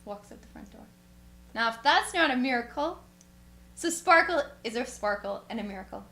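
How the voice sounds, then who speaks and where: A woman guest musician telling a story in animated fashion, acting out the quotes with big swings in pitch. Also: normal speed. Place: radio studio. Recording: roomy studio.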